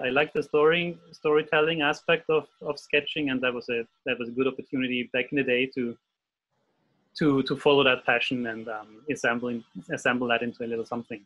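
Through dull video call audio, a mid-range, sharp-toned male voice with an Austrian German accent belongs to a guest illustrator in his forties from Austria. Speaking from a desk in a room at home in a casual interview, he hesitates a lot, using many fillers and restarting often.

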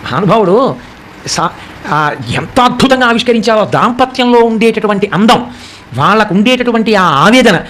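A man giving a devotional discourse on a sacred epic. He recites verses slowly and explains them, and speaks the characters' lines in a softer voice. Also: sits high, lively intonation, slight background noise. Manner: acts out the characters' speech in a softer voice.

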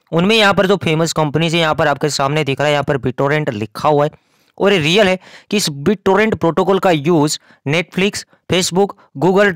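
A man's voice: fairly high pitch, a bit bright, dry recording, studio quality. A man hosting his own channel, giving casual, chatty market commentary and speaking straight to his viewers. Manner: chatty, explanatory, addresses viewers directly. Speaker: crypto channel host.

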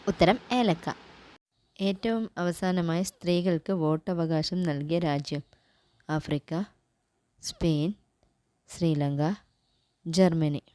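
A woman reading general-knowledge quiz questions and their answer options in a measured, list-like way. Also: low voice, fairly even intonation, dark tone, no echo. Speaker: quiz presenter.

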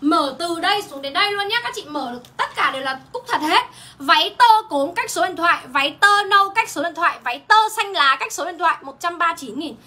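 Young woman, livestream clothes seller, high-pitched, rapid chatty talk, exclamations. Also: animated, sharp tone. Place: indoor home shop.

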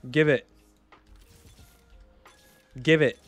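A young man streaming a strategy game, chatting to his viewers, excitable, repeating himself and bursting into shouts and laughter. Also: fairly high pitch, drawn-out words, dry recording, soft background music. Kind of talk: live gameplay commentary to chat.

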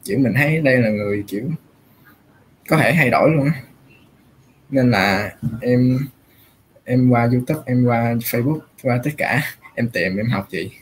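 A man's voice: mid-range voice, normal speed, long pauses, slight background noise, poor audio. A man on a livestream call, earnestly telling his story in a rambling way. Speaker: volunteer team member. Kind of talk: casual livestream chat.

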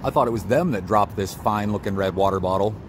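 A man's voice: on the low side, quick pace. Laid-back man filming on a city street. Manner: laid-back, rambling commentary. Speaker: street videographer. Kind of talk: casual narration to camera. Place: city sidewalk outdoors. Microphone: handheld phone camera. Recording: outdoor phone audio with street noise. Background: street traffic noise.

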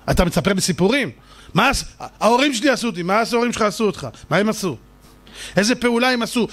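Animated high-voiced rabbi preaching. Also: male voice. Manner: animated, swings from loud outbursts to low and slow. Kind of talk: sermon.

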